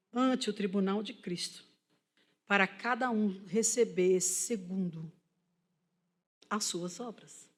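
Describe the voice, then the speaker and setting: A woman missionary preacher with a Brazilian Portuguese accent, giving an impassioned church sermon and telling her own story, shifting between loud cries and quiet asides. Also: mid-range voice, slightly rough. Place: church hall.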